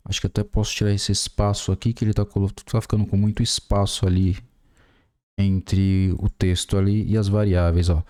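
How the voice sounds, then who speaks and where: In a screen-recorded coding lesson, a Brazilian programming tutor in his forties explains each step as he types, leaning heavily on fillers. His deep voice stays level and mellow, moving a little fast, with a Brazilian Portuguese accent.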